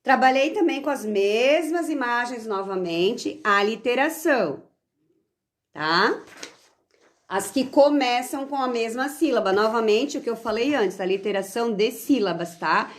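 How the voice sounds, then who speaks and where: A woman's voice: fairly high pitch, animated, measured pace. A woman teacher explains classroom literacy activities in a live online talk, checking in often with tag questions.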